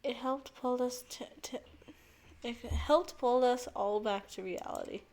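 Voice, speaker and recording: A woman's voice: fairly high pitch, unhurried, darkish tone. A young woman streamer reading a visual novel aloud, narrating dramatically with giggles and restarts.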